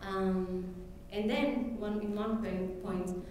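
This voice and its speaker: Recorded from a distance in a very echoey event hall, with a bit of hiss or hum, a woman shares her story as testimony. She's from Ethiopia, a native Amharic speaker, with a mid-range, steady, darkish voice, and she halts often with fillers and restarts.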